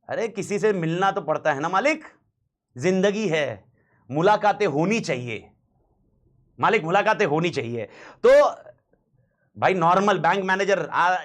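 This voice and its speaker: A man's voice: sits high, fairly bright tone. A man teaching a class in a casual, slangy way, repeating key points and mixing in English phrases.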